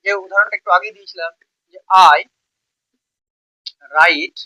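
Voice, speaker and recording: Man, teacher, Bengali accent, high voice, very bright tone, repeats words, step-by-step explaining, dull lo-fi recording. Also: unhurried. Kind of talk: grammar lesson.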